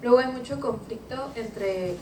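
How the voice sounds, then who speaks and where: A woman's voice: on the high side, measured pace, darkish tone. A woman from the audience asking a question, polite and hesitant. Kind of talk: questions from the floor. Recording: echoey room, distant mic, noise.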